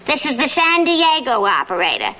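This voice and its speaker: Prim payphone operator lady, formal and polite, high voice, muffled old tv clip w/ hiss. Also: very animated, normal speed, pushed and bright, exaggerated voice. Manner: formal, courteous operator phrasing. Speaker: telephone operator on a payphone call.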